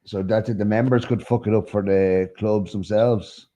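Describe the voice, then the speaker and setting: A man's voice: on the low side, fairly even intonation, moderate pace, warm tone, slight background noise. A man co-hosting a casual interview chat, laid-back, chiming in with short reactions and questions. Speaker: podcast co-host.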